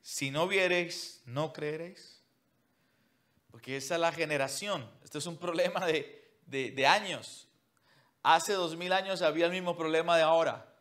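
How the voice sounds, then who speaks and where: Pastor, male, higher pitch. Sermon delivery, loud commands, soft near-whisper passages. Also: measured pace. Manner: preaching with sweeping shifts between loud emphasis and near-whisper; mocks what churchgoers say in a whiny put-on voice.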